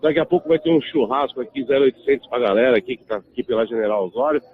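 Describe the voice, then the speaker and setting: A man's voice: medium pitch, very fast. A man calling in live over the phone as a radio field reporter, talking up a street promotion and inviting listeners out. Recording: tinny phone line.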